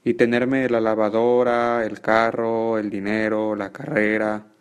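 Whiny rich young man clinging to his money, pleading and sarcastic, put on by a man preaching, pitched low. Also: little pitch movement, measured pace, smooth, close to an everyday voice. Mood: whining.

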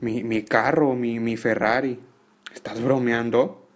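A man's voice: medium pitch, fairly even intonation, takes it slowly, natural voice. A man playing a whiny rich young man. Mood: whining. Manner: pleading, sarcastic.

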